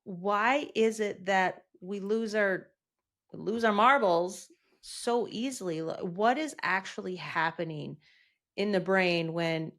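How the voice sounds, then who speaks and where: A woman hosting a podcast interview, chatty and playful, poking fun at herself as she frames her questions. Her voice sits a little low for a woman. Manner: chatty, playful, self-deprecating. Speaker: podcast host. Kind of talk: casual interview chat.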